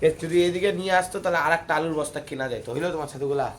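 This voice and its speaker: A young man chatting to viewers while filming a casual phone vlog at home and on local roads, slightly hoarse. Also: on the high side, rapid-fire, a little hiss or hum. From India. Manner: chatty, addresses viewers as "guys". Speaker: vlogger.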